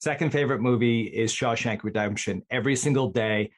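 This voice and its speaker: A man's voice: medium pitch, a little fast. A man chatting casually as a guest coach in a podcast interview.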